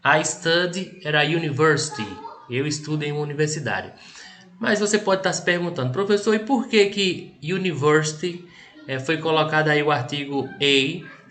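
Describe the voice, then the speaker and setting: A man with a Brazilian Portuguese accent teaching an English lesson. He explains patiently, checks in often and reads example sentences slowly before translating them. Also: on the high side, fairly bright tone. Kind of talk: recorded language lesson.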